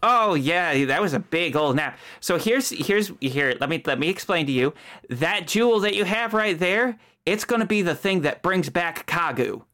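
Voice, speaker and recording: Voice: medium pitch, animated, normal speed, a bit bright, lightly acted. A very old woman acted out by a game master in a tabletop role-play. She is kindly but fretful, exclaiming effusively in a folksy, old-lady way. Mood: earnest, worried.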